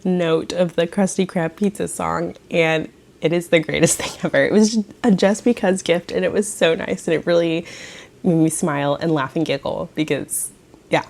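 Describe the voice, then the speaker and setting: A woman hosting a knitting podcast, chatting casually and giggling, keeping her voice quiet in her morning voice at home. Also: fairly low pitch, steady tone, moderate pace. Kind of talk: casual chat.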